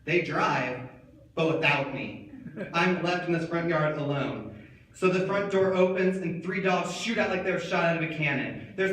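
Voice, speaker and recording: A man performing a comic stage monologue, telling a wild story and shouting the quoted lines. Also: high voice. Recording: echoey room, far from the mic, some noise.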